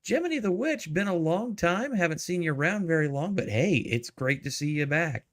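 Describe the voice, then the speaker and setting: A man's voice: on the high side, expressive, moderate pace. A man hosting a live show, casually chatting and greeting viewers in the chat by name. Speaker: livestream host.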